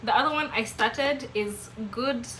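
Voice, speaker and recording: A woman with a Kenyan accent, hosting a casual vlog and chatting to the camera with lively, emphatic jumps in her voice. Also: a little high, measured pace, soft background music, poor audio. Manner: animated, expressive, with sudden emphatic jumps. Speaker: vlogger host.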